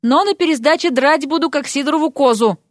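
A wry young mage from an ironic fairy-tale audiobook, voiced by a woman reader. He sounds amused and fond, pitched higher than her narration, in a close, dry recording. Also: brisk, no echo, close to an everyday voice. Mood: wry amusement.

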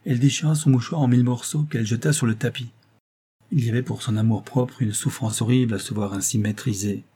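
A male audiobook narrator reads a novel with measured, even pacing. His voice is dark and mellow, with a slightly husky edge, at an ordinary pitch.

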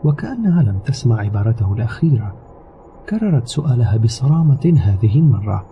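A man's voice: medium pitch, a little hiss or hum. Man narrating an audio novel steadily. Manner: steady, measured storytelling. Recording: slightly dull recording with background music. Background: soft music.

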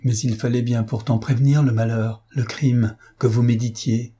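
A man's voice: mid-range voice, steady tone, normal speed, dark tone, slightly rough, lightly acted. A man reading as an imploring young woman. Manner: urgent, imploring. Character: earnest, pleading young woman.

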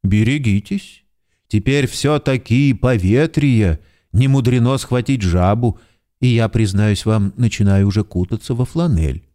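A man's voice: on the low side, unhurried, mellow, natural voice. A man voicing a smug, coolly dismissive male clerk who answers in a curt, condescending way in an audiobook. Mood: smooth. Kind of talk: audiobook character voice.

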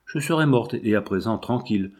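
A man's voice: fairly low pitch, lively intonation, brisk, a little mellow, breathy edge. Jeanne, a proud desperate noblewoman, read by a man. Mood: fierce. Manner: harsh, hard voice.

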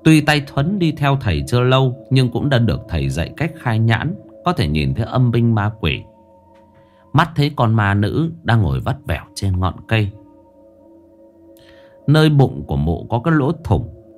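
A male storyteller with a lowish voice reads a horror tale dramatically, his pitch rising and falling a lot. Soft music plays underneath.

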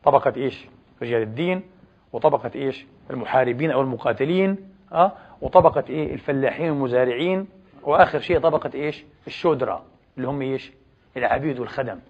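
A man giving a lecture on religious history, who keeps posing quick rhetorical questions and answering them himself. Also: mid-range voice, highs cut off.

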